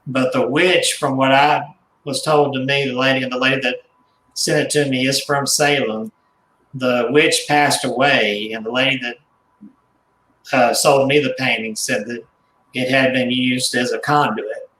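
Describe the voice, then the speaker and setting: A man, a guest collector, telling stories in casual radio chat, rambling and halting with restarts and small chuckles. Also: mid-range voice, fairly even intonation, sharp tone, roomy sound, a little hiss or hum, low-quality recording. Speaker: guest, haunted doll collector and author.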